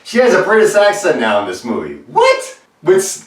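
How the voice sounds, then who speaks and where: A man giving a casual movie review, talking in animated bursts of disbelief. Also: medium pitch, fast talker. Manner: animated, exasperated outbursts of disbelief. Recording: roomy and far from the mic.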